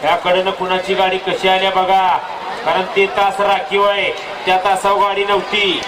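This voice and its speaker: A man giving live race commentary through a public address loudspeaker, calling out orders to officials and drivers. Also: sits high, monotone, normal speed, distant mic. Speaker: race announcer. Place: outdoor village race ground. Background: crowd noise.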